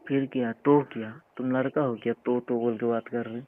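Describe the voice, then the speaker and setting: A man's voice: mid-range voice, fairly even intonation, normal speed. Young man teasing on a tinny phone line. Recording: tinny phone call recording with faint hiss.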